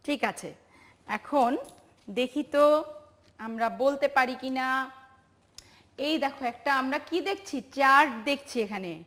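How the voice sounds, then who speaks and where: Female pre-primary teacher, Bangladeshi accent, high and unhurried, call-and-response lesson style. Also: a bit bright. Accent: Bangladeshi Bengali. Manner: slow, patient, drawn-out recitation with call-and-response questions. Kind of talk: televised home-learning lesson for young children.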